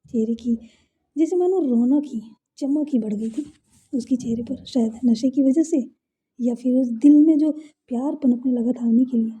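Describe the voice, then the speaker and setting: A woman's voice: high-pitched, normal speed, husky. A woman telling a serialized love story in a casual, chatty narrating style with her own asides. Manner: conversational, warm-hearted retelling with asides.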